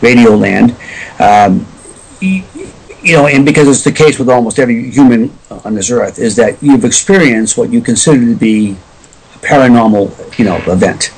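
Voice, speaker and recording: A man explaining conversationally as an interview guest, halting and correcting himself as he rambles. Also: mid-range voice, husky, low-quality recording.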